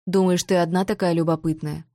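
A woman's voice: fairly low pitch, fairly even intonation, a little fast, mellow, no echo, clean studio sound, natural voice. A woman voicing a mocking, muscular young man hired as a husband, speaking in curt, sneering lines.

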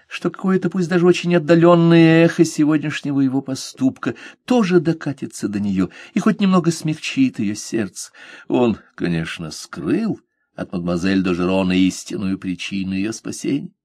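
A man reading an adventure novel aloud as narrator, in a steady, measured manner. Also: a little high, no echo. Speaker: audiobook narrator. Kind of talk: scripted narration.

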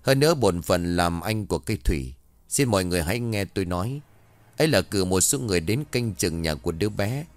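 A man voicing an old male village exorcist who explains things in a solemn, measured way. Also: deep voice, animated, dry recording. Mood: grave.

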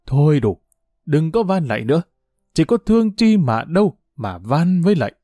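A frantic, furious middle-aged mother shrieks and threatens, as a male narrator puts her on. The pitch climbs high and swings wildly with each outburst. The voice sits close and dry with no room around it. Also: very animated, moderate pace, dark tone, dry recording, soft background music. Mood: bitter. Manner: screaming, threatening.

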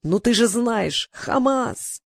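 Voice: mid-range voice, animated, vocal fry, breathy edge, no echo, studio quality, heavily acted. A reader voicing a furious, childish desert warlord. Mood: frantic. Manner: shouting, insistent, drawn-out words. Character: fierce, childish male desert warlord-wizard.

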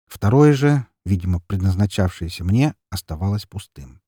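A man reading an audiobook in an expressive, dramatic narration. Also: sits low, moderate pace, breathy edge, no echo, clean studio sound. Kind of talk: scripted narration.

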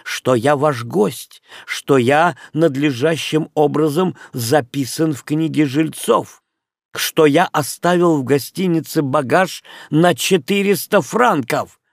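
A man's voice: mid-range voice, lively intonation, slow pace, no echo, studio quality, voice pushed up. Man doing a pompous declaiming singer. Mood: grandly indignant. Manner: declaiming, stressing each syllable. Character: pompous theatrical male wandering singer, grandly indignant.

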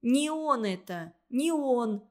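A woman voicing a young schoolgirl who speaks rapidly and insistently, near tears, in a read-aloud story. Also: a little high, animated. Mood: urgent. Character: tearful, urgent young schoolgirl witness.

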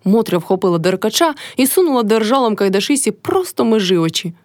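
Woman narrator, expressive novel reading, dry close sound. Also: mid-range voice, fast talker, no room sound. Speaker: reader. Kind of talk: reading a classic novel aloud.

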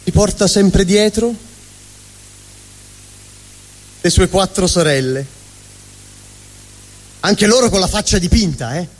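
On a live stage at a fundraising event, a man with a high, unhurried voice performs a theatrical comic monologue as an angry, vulgar but honest middle finger. He rants sardonically and scornfully, swooping between mutters and shouts, with echoey hall reverb around him.

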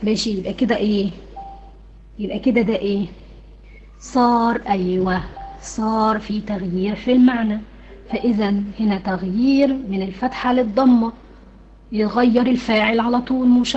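A woman's voice: fairly high pitch, fairly even intonation, moderate pace, dark tone, dull audio. A woman with an Egyptian Arabic accent teaching an online Quran recitation class, asking her students questions and then answering them herself.

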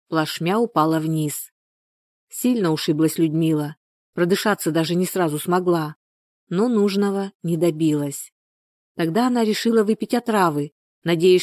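A woman reads a dramatic story in a steady, measured way, her voice mellow and warm. The recording is close and dry, with no room sound. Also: fairly low pitch, dry recording. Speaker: narrator. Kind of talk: scripted audiobook narration.

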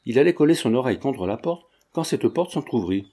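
A man narrating a classic French novel in a steady, measured reading. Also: mid-range voice, husky. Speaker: audiobook narrator. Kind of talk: scripted narration.

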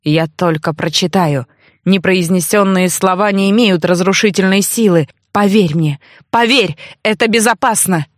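A woman's voice: mid-range voice, normal speed, no room sound, studio quality, natural voice. Woman voicing an obsessed young man. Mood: pleading. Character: obsessed feverish young man, greedy and threatening. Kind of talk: audiobook character voice.

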